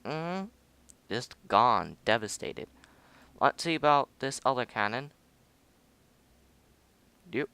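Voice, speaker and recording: A man's voice: mid-range voice, expressive, slow pace, long pauses, bright, forceful tone, clear, resonant tone, dry recording. A young man casually commenting on his own space game footage, rambling, humming and joking at himself. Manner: rambling, self-mocking, hums and mutters to himself. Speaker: gameplay video host.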